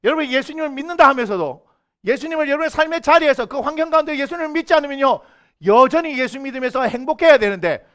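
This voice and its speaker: A man's voice: extremely high pitch, fast, fairly bright tone. A middle-aged man, a senior pastor, preaching a sermon in a church. He asks the congregation questions and briefly acts out the voices he quotes. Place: church sanctuary.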